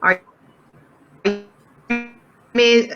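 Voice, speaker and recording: A woman's voice: a little high, fairly even intonation, fairly bright tone, muffled recording, faint music behind. A woman author joining by video call, her audio breaking up as she asks if she can be heard. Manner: halting, repeating words. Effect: choppy internet call audio breaking up. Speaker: guest, children's book author.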